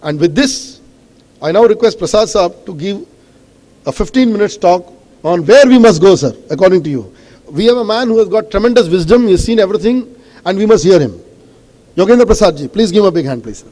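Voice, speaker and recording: A high-voiced man with an Indian English accent gives an impassioned speech from a stage, pressing his warnings hard and dropping "you know" between points. His voice carries a long reverb from a large event hall. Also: animated, a little fast, dark tone. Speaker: awards host and speaker.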